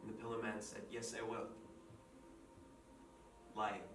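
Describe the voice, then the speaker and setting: An actor playing a writer who tells a dark fairy tale aloud in a measured, deliberate way, in a stage play. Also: male voice, fairly low pitch, little pitch movement, lightly acted. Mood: somber storytelling. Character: grim storyteller telling a dark fairy tale. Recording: echoey stage from far off, with music.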